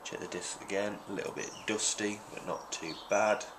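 This young male vlogger in his twenties is congested with hay fever as he unboxes things indoors in a small room at home, talking loosely and filling gaps with ums. His voice is lowish and steady, at a moderate pace, captured by a noisy desk webcam.

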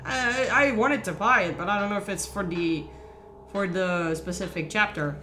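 A woman streamer plays through a horror game live, reading its story text aloud at an unhurried, mid-pitched pace. Between passages she breaks into excitable reactions and blunt swearing. Her voice sits in the middle of the range, steady for the reading parts. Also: slight background noise. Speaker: gaming streamer host.

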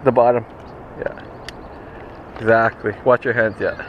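A young man filming his own fishing trip on a head-mounted camera, talking casually and excitably, with some swearing, on a riverbank. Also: medium pitch, measured pace, phone-quality sound. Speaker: angler filming his catch. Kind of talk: casual outdoor chat. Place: riverbank and dock outdoors. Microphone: head-mounted action camera. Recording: action camera with loud wind and water noise.

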